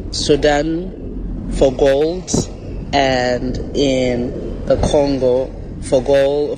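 A man, a writer and activist, gives a slow, measured statement with frequent pauses and fillers, recorded with background noise. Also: mid-range voice. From South Africa.

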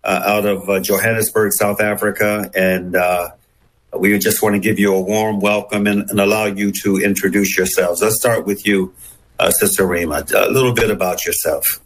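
A man hosting an interview, speaking haltingly with many fillers and restarts. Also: fairly low pitch, little pitch movement, breathy edge, rough recording. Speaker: host.

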